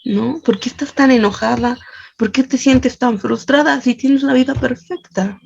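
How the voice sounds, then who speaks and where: A controlling, patronizing husband who talks down to his wife, as a Mexican woman with a Mexican accent quotes him. The voice stays fairly high and gravelly, and it is heard on a dull lo-fi recording. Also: normal speed, a little mellow, heavily acted. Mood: condescending. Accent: Mexican Spanish. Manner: coaxing then condescending. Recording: dull lo-fi audio.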